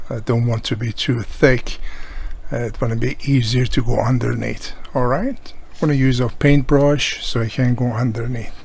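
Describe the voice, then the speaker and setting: Gravelly, darkish and slightly rough, this man's medium-pitched voice keeps fairly even intonation at a moderate pace. A non-native English speaker and radio repair hobbyist, he presents an unscripted tutorial, explaining each step of a hands-on repair and often checking in with the viewer.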